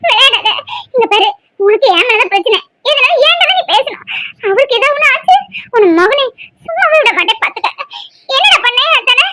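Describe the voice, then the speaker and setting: A woman's voice: extremely high pitch, very animated, normal speed, background noise. A woman voicing a young newly married woman in a cartoon, frantic and tearful, pleading and scolding by turns. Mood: angry, suspicious.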